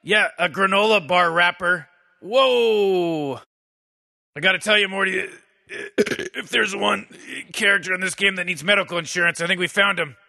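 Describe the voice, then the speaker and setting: Playing a cynical old male mad scientist, this man speaks high and gravelly at a moderate pace, his bright, pushed delivery heavily acted. The comedic commentary on game characters is sardonic and rambling, full of sarcasm, stammered restarts, and barked insults.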